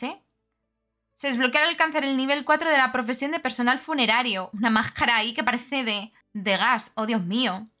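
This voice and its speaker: A young woman talks through a game in a chatty, gushing way, full of exclamations. Her voice sits a little high and rings bright and sharp. Faint music plays softly underneath. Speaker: game reviewer. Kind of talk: casual gameplay commentary.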